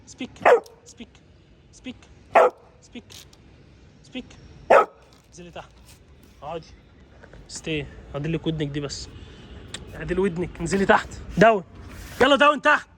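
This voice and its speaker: A man's voice: on the high side, lively intonation, normal speed, pauses often, a little hiss or hum. A man with an Egyptian Arabic accent, a dog trainer vlogging and giving his dog short, repeated commands.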